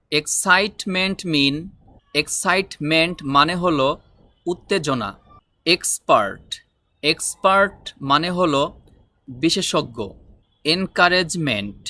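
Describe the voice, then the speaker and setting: A man teaching an English vocabulary lesson, saying each word slowly and repeating it, then explaining briskly. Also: fairly high pitch, bright, forceful tone, no echo.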